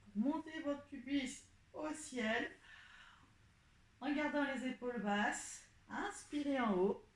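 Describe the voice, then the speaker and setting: A woman guides a pilates class, calling out each inhale, exhale and movement at an unhurried pace. Her voice sits a little high. The room around her is noticeably echoey. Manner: calm step-by-step cueing of breath and movement. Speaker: pilates instructor. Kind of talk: guiding an exercise class.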